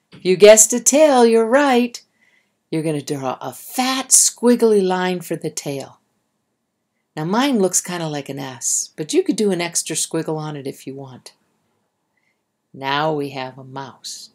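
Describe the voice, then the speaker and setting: A woman with a lowish, somewhat dark voice reads aloud for young children. She speaks right to the listener, guiding them through a story and drawing in easy, instructive terms.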